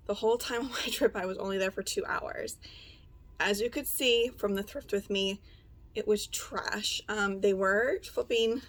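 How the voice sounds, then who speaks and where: A woman narrating a casual thrift vlog as a reseller, chatting and thinking aloud with frequent fillers. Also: mid-range voice. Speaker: reseller vlogger.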